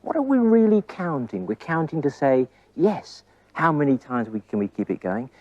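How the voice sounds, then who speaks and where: A man's voice: a little high, very animated, normal speed, a little mellow, dry recording. A man coaching tennis on court, asking his pupils coaxing questions and counting rally hits aloud. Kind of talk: on-court teaching demonstration. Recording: dull lo-fi old TV recording.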